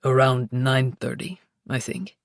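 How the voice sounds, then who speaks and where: A woman voicing an older Italian mafia boss, speaking low, commanding and in a husky half-whisper. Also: unhurried, no echo, clean studio sound, heavily acted. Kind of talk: audiobook dialogue reading.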